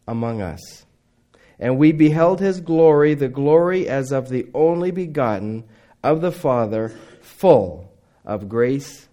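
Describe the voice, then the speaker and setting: A middle-aged man raised in Indonesia preaches a sermon in a mid-range voice, swinging dramatically between loud emphasis and near whispers.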